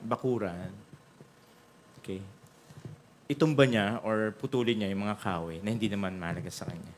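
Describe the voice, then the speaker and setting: A man with a Filipino accent preaching a sermon as pastor, mixing Tagalog and English and often checking in with "okay?". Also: lowish voice. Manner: frequent "okay?" check-ins to the congregation; switches between Tagalog and English.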